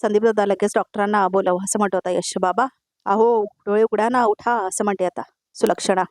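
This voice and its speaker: A woman rushes through a voice-over recap of a TV serial, retelling scenes line by line, tagging each quote and tossing direct asides to her viewers. Her middling-pitched, slightly mellow voice stays fairly even and brisk. It is recorded close and dry, with no echo or room sound.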